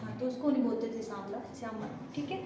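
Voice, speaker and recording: Brief: woman teacher, high voice, lecturing a classroom, echoey room, mic far off. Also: quick pace, noisy background. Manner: questioning students, drilling answers. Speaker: Hindi teacher.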